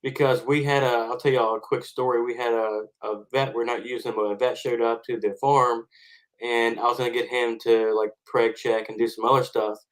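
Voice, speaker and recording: A man's voice: mid-range voice, level tone, fairly quick, poor audio. A man, a farmer guest on a podcast, explaining and telling stories casually.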